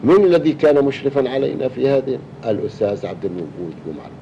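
An older man reminiscing casually, halting and repeating the starts of words. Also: mid-range voice, dull audio, a little hiss or hum. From Egypt.

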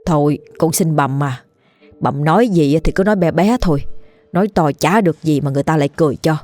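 A woman's voice: low voice, brisk, darkish tone, natural voice. A woman voicing a young village husband who pleads hurriedly with his mother. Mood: pleading.

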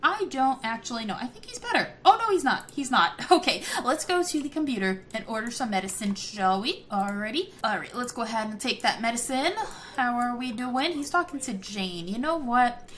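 Young woman, casual gameplay commentator, chatty and giggly, slightly high pitch, light background hiss. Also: brisk. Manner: chatty, giggly, easily excited.

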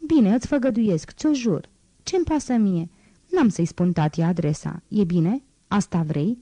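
A woman's voice: mid-range voice, animated, dark tone, no room sound. A woman reading an audiobook, voicing a teasing, wistful poor young street girl in a lightly raised voice.

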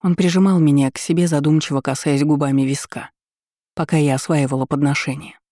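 A woman's voice: deep voice, fairly even intonation, fairly quick, warm tone, no echo, clean studio sound. A woman reading a novel aloud in the first person, with a wry, ironic storytelling manner. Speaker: audiobook narrator.

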